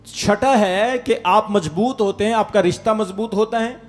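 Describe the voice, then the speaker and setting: Male pastor with a high voice, preaching live in church, calling for hallelujah and amen; faint music underneath. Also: a little slow. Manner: tells quoted exchanges and a village anecdote. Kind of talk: sermon.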